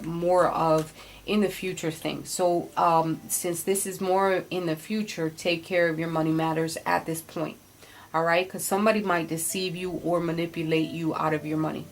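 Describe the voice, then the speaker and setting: A woman reading tarot cards in casual spiritual talk, thinking aloud haltingly and advising bluntly. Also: on the low side. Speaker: tarot card reader.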